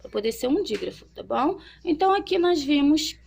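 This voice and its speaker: A young woman teaching a children's literacy lesson, drawing as she talks and slowly sounding out syllables, often checking in with the listener. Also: high voice, big pitch swings, vocal fry, darkish tone. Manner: checks in often with tag questions.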